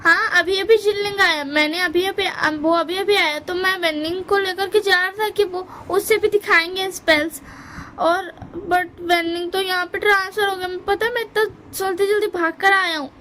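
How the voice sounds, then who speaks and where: An eager teenage boy chatters and pleads in a high, bright voice, as a woman puts him on. He comes from a story told aloud in a quiet room with faint noise behind. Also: fairly even intonation, moderate pace.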